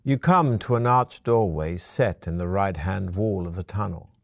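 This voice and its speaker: A man narrating a fantasy gamebook adventure in the second person, in a measured storytelling manner. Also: deep voice, vocal fry.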